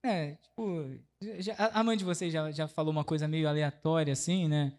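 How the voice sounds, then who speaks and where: A man with a Brazilian Portuguese accent delivers a conversational sermon at a moderate pace, his voice on the high side and darkish with fairly even intonation. He chats with the congregation, asking them questions and using lots of tag questions.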